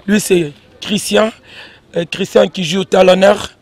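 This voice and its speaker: A man with a notably high voice introduces each player in turn. He talks casually and hesitantly, often restarting his sentences and filling gaps with "euh". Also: fairly even intonation, unhurried, no room sound. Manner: hesitant, many fillers and restarts. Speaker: team spokesman introducing players.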